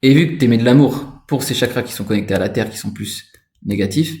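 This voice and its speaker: A man's voice: mid-range voice, a little fast, a little mellow, roomy sound. A man giving an informal spoken lesson on energy and chakras, rambling and addressing the listener directly. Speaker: spiritual energy instructor.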